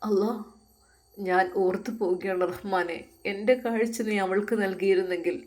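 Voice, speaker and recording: A woman's voice: medium pitch, steady tone, normal speed, darkish tone, natural voice. A woman voicing a devout young male religious teacher who prays to God in a tearful, pleading way. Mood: grieving plea. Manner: pleading, sobbing prayer.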